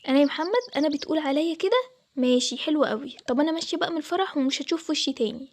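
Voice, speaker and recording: A woman's voice: sits high, expressive, racing. A woman voicing the groom's spiteful young sister, snippy and defensive, with an Egyptian accent. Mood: offended. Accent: Egyptian Arabic.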